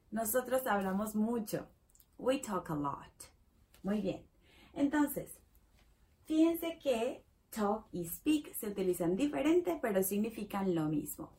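A woman's voice: mid-range voice, a little mellow. A woman teaching a basic English lesson in Spanish, patiently repeating each example and checking in with the viewer. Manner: says the English model sentences extra slowly.

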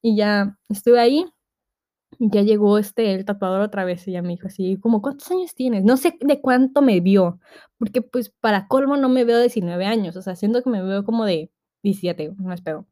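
A woman's voice: mid-range voice, normal speed, warm tone, dry recording, studio quality. A nineteen-year-old woman with a Mexican accent hosting a casual podcast, telling stories in a chatty, slangy way and acting out what people said. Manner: slangy, chatty, acts out quoted voices. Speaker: podcast host. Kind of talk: casual storytelling monologue.

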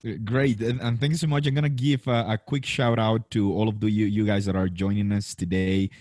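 A man in his thirties hosts a live interview over a video call. His voice sits low and sounds dry and close. He talks in a chatty way, with plenty of fillers and restarts. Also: fairly even intonation, fairly quick, a little mellow, no room sound. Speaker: host.

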